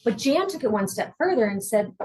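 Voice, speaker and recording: A woman presenting a faculty training talk, lively and acting out what students say, recorded in a college meeting room. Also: a little high, a little fast, a little hiss or hum. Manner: lively, acts out student quotes. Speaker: workshop presenter. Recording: roomy hall, far from mic.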